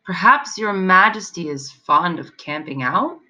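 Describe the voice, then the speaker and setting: A fearless young soldier talks in an easy, unruffled way, as a woman reading a storybook plays him. Bright and a bit low, in the reader's own voice. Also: unhurried, dull audio, exaggerated voice. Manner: calm, casual, self-assured. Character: brave, cool-headed young male soldier.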